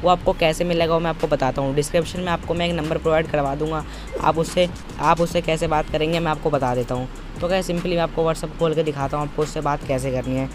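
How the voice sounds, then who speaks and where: A fast-talking young man with a fairly high pitch and fairly even intonation speaks over music. His informal, step-by-step tutorial voice-over, given as a tutorial presenter, is full of repetitive instructional phrasing. Noise like outdoor traffic fills the background.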